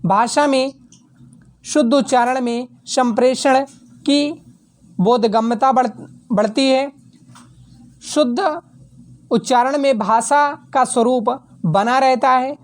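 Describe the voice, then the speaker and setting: A woman with a slightly high voice reads exam answers aloud like a teacher dictating notes. She goes through each point steadily and sometimes stops to fix a word she has just said. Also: slow.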